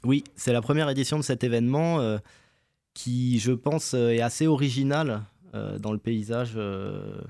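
A man's voice: medium pitch, normal speed, creaky, warm tone, no room sound, clean studio sound. A man, a guest on a local radio show, explaining an event at a casual pace with many fillers. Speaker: guest, cultural center organizer.

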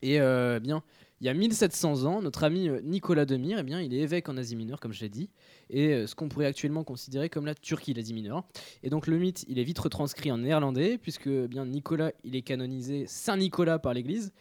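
A man's voice: medium pitch, fast, darkish tone, no echo, clean studio sound. A young man presenting a radio column in casual talk, hesitant and full of fillers.

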